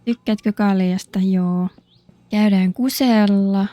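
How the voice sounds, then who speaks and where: A woman's voice: mid-range voice, fairly even intonation, mellow, dry recording. A woman streaming a game, chatting playfully and joking as she plays. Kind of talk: casual game commentary.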